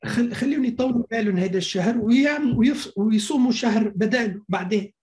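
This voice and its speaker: A man with a Lebanese accent giving informal expert explanations as a doctor in an interview, often halting and repeating words as he goes. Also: high voice, darkish tone, a little hiss or hum. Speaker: fertility doctor, interview guest.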